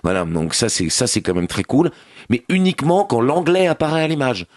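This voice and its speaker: A man's voice: mid-range voice, big pitch swings, a little fast, no room sound. A man giving a sarcastic, slangy, scathing TV review as a columnist on a radio morning show, recorded in a radio studio.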